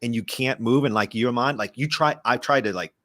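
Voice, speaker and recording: A man's voice: mid-range voice, fairly quick, fairly bright tone, no echo. Man chatting on a dry mic. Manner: chatty, many fillers and self-aware asides. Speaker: podcast co-host. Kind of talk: casual chat.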